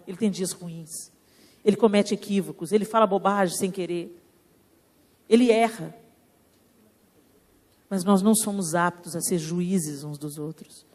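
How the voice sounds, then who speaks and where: A woman's voice: fairly low pitch, dark tone. A Brazilian woman pastor preaching a sermon in a church, asking rhetorical questions and rising into emphatic preaching.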